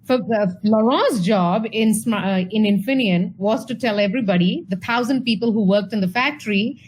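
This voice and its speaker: A woman's voice: medium pitch, moderate pace, slight background noise, poor audio. A woman from India giving an online presentation over a video call, chatty and full of fillers and restarts. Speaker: speaker at an online talk.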